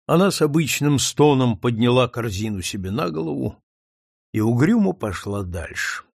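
A man narrating an audiobook in an expressive, measured reading. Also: medium pitch, gravelly, slightly rough, dry recording, studio quality. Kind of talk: scripted narration.

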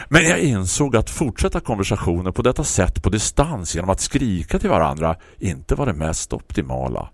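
A man's voice: sits low, no room sound, clean studio sound. A man hosting a morning radio talk show, telling a wry story in a leisurely way. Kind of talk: reading a personal story on radio.

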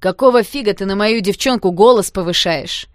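A brash teenage school bully, read by a woman, loud and crude as he taunts and picks fights. He speaks with mocking swagger in a dry, close audiobook read. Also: mid-range voice, brisk, no room sound, close to an everyday voice. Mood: aggressive.

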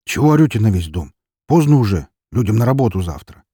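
A man's voice: on the low side, very animated, fast, dark tone, slightly rough, no echo, studio quality, heavily acted. A man voicing a grumbling, mustached neighbor of about fifty who lectures in a preachy tone. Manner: lecturing, indignant.

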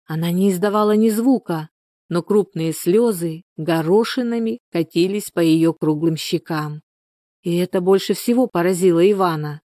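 A woman calmly narrating a story as a storybook reader. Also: fairly low pitch, normal speed, no room sound, clean studio sound. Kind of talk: storybook reading.

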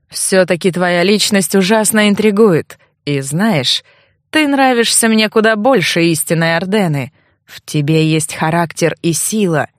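A woman's voice: lowish voice, no room sound, clean studio sound, lightly acted. A woman voicing a smug young man who mocks and blackmails the heroine in a sly, taunting way.

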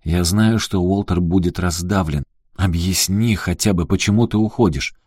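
A man's voice: sits low, normal speed, a little mellow, breathy edge, no echo, studio quality. A man voicing an insistent, agitated man who presses a friend hard in an audiobook. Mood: heated. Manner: pressing, heated.

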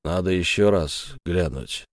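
Man playing stern burgomaster: slow, clipped, low, dry sound. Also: no room sound. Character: stern, calculating middle-aged male burgomaster.

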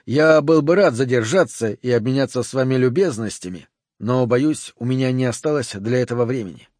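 A man reading an audiobook voices a calm, courteous and commanding male FBI agent who speaks in a measured way. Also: mid-range voice, no room sound, studio quality, close to an everyday voice.

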